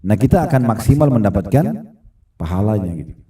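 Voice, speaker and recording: A man's voice: on the low side, very animated, fairly quick, dark tone. A man giving a conversational Islamic lecture to a gathered audience, often checking that listeners agree. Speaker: Islamic preacher. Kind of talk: religious lecture. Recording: echoey room, voice from far off.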